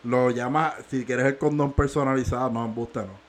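A man's voice: mid-range voice, fairly even intonation, normal speed, crowd noise. A man co-hosting a podcast, laughing often and swearing through casual banter. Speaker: podcast co-host.

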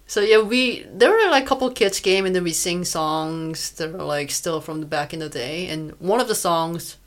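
A woman's voice: fairly low pitch, normal speed. A woman from South Korea, co-hosting a podcast in casual chat, talking in a chatty way with many fillers. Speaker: podcast co-host.

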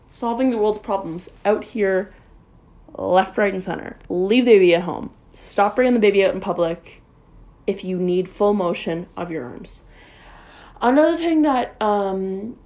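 A woman's voice: mid-range voice, darkish tone, highs cut off. Sarcastic young woman ranting. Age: young adult. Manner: sarcastic, rambling, heavy on fillers. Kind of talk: casual comedic rant.

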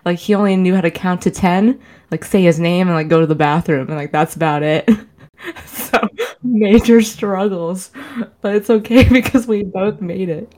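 A young woman from the States co-hosting a podcast, talking softly and laughing often, a bit unsure of herself. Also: on the low side, normal speed. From United States. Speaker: podcast co-host. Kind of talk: casual chat.

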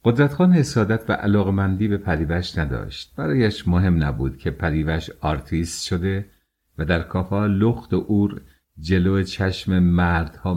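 Deep-voiced male narrator for a novel audiobook, steady and measured. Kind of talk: scripted narration.

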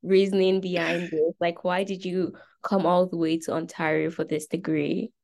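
A woman's voice: lowish voice, little pitch movement, moderate pace, vocal fry, darkish tone. A young woman hosting a podcast, asking interview questions in a friendly, affirming way. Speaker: podcast host.

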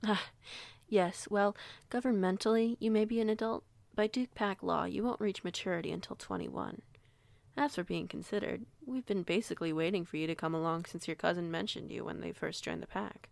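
A woman voices a werewolf pack leader in an audio roleplay, using a low register with heavy vocal fry, recorded close and dry. She sounds composed, kindly and amused, carrying herself with formal, measured authority.

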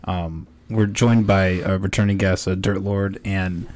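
A man's voice: low-pitched, fairly even intonation, a little slow, crowd noise. A man in his twenties hosting a podcast, chatting loosely with plenty of swearing and laughter. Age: 20s. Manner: loose, profane and giggly. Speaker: podcast host. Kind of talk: casual chat.

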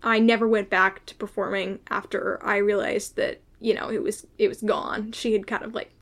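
A young woman co-hosting a podcast, telling a story in a casual, animated way and swearing freely. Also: mid-range voice, moderate pace, creaky. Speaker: podcast co-host. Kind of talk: casual chat.

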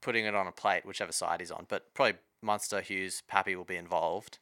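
A man's voice: sits low, steady tone, quick pace, sharp tone, no room sound, clean studio sound. An Australian man co-hosting a sports podcast, chatting casually about rugby league in a blokey, slangy, opinionated way.

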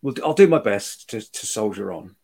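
A man's voice: lowish voice, expressive, normal speed, creaky, darkish tone, slightly rough. A British man hosting a podcast in casual chat, droll and mock-stoic while under the weather with a cold. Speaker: podcast host.

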